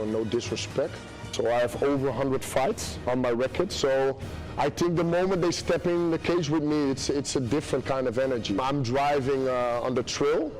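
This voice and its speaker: A man from the Netherlands, a fighter speaking in a promo interview, plain and halting. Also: mid-range voice, a little mellow, rough recording.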